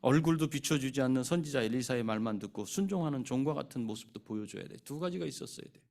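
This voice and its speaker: A man's voice: mid-range voice, expressive, fast, gravelly, a little mellow. A male pastor giving a sermon, asking the congregation questions and acting out the scripture figures. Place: church sanctuary.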